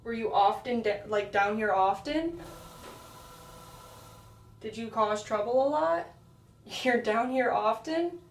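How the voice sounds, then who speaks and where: A young American woman on a ghost hunt, nervous and slangy, talking softly to spirits in a dark old prison. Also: on the high side, takes it slowly, long pauses, echoey room, distant mic, a little hiss or hum. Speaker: paranormal investigator. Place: dark echoing old prison cell block.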